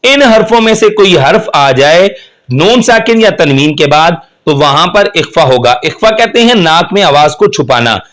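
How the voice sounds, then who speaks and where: A man teaching Quran recitation in Urdu, who patiently explains the rules step by step and then chants the verses slowly and melodically. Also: on the high side, lively intonation, a bit bright. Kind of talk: slow step-by-step tajweed lesson.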